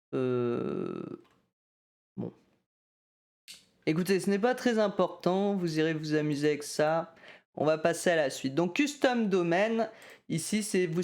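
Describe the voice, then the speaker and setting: A man's voice: on the high side, a little mellow. A man walking through a music-selling site's settings in a casual screen-recorded tutorial, talking loosely with lots of hesitations and self-deprecating asides.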